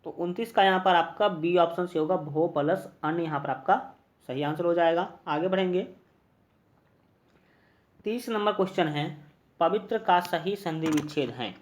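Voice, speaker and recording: A man with a Bihari Hindi accent teaching an exam-prep lesson, going through multiple-choice questions one by one, repeating each answer and filling pauses with hesitations. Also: high-pitched. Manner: repetitive, drills answers, many fillers.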